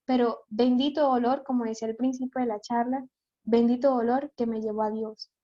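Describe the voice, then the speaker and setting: A woman gives an earnest, prayerful devotional talk to a youth group. Her voice sits fairly high, and the audio is dull and lo-fi. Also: fairly even intonation, fairly quick.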